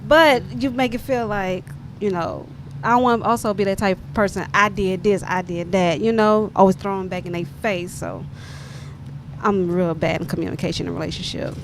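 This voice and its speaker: Animated woman with a Southern US accent. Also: medium pitch, fairly quick, vocal fry. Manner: animated, laughing, talkative. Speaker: panel guest. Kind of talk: casual panel chat. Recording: noisy background.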